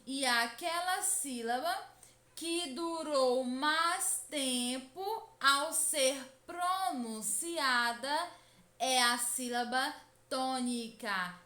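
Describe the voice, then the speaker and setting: A woman, teaching a lesson to children, speaking deliberately, repeating instructions and stretching words out. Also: high voice, sharp tone, reverberant.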